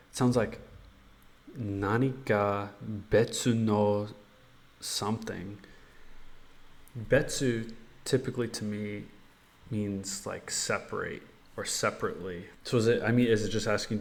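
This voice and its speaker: A man practicing as a language learner, tentatively thinking aloud and haltingly sounding out Japanese. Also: on the low side, steady tone. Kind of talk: casual speaking practice.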